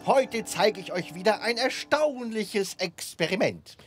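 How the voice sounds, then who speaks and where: A man's voice: high voice, lively intonation, a little slow, music in the background. An actor playing Bert, an earnest, fussy puppet man in a children's show who explains eagerly and stammers when flustered. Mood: eager, proud.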